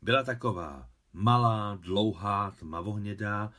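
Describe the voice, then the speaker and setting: A man calmly reading his own translation of a novel aloud in a measured storytelling manner. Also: lowish voice.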